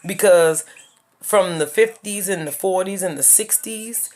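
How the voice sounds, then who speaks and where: Speaking at a measured pace in a mid-range, darkish voice, a thirties YouTuber offers life advice directly to her audience in a casual video. Her delivery is emphatic and preachy, and she repeats her points.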